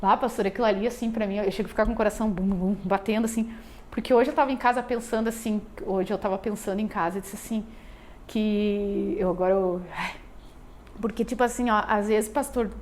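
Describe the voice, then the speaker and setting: A woman's voice: medium pitch, fairly even intonation, a little fast, darkish tone, a little hiss or hum. A woman with a southern Brazilian accent from Rio Grande do Sul, nervously telling a heartfelt church testimony in a rambling way, full of fillers and restarts. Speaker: church member giving testimony. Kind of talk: emotional personal church testimony.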